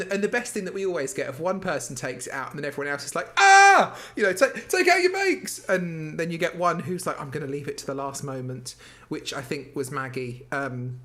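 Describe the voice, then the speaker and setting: A man's voice: a little high, quick pace, hardly any pauses. A man, guest on a podcast, chatting about a baking show and acting out moments as he tells them. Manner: animated storytelling, acts out quotes. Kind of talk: casual chat.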